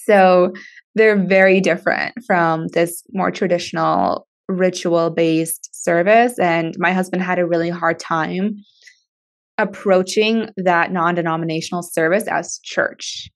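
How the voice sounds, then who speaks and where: On a podcast, a guest whose native language is Russian talks about church in an earnest, relaxed conversation. She has a lowish voice, keeps her intonation fairly level, speaks at a measured pace, and laughs softly as she explains.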